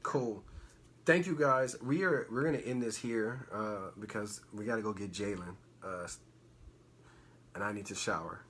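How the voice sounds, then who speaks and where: A man from Los Angeles co-hosting a podcast, giving advice in a relaxed, casual way full of fillers. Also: fairly low pitch, normal speed, breathy edge. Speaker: podcast co-host. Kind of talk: casual chat.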